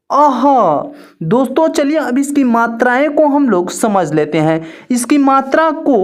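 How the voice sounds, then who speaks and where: A fairly high-pitched woman walks learners through an alphabet lesson. She speaks very slowly and patiently. She repeats each point and draws out her words, like a teacher at a board. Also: darkish tone. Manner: patient, repetitive, drawn-out teacher delivery. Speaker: online Hindi teacher. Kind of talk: slow step-by-step alphabet lesson.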